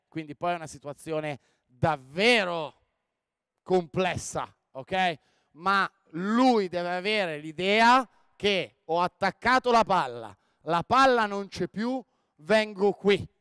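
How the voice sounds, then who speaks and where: Guy coaching players on a court, pretty high voice, smooth and dry, keeps saying ok. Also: animated, fairly bright tone, dry recording. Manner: directs players with quick commands, frequent ok?. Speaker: basketball coach. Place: indoor sports hall.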